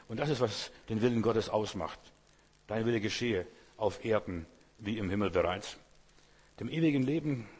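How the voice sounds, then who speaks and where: Husky male preacher in reverberant hall. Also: lowish voice. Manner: direct, addresses listener as du, emphatic repetition. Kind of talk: sermon.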